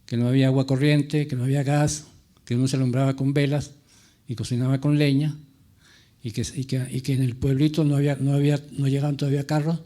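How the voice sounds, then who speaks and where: A man from the Latin American mountain highlands, a novelist reminiscing in a halting, digressive way, often repeating his words. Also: flat delivery, warm tone. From rural mountain highlands of Latin America. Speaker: novelist on a panel. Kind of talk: rambling personal reminiscence.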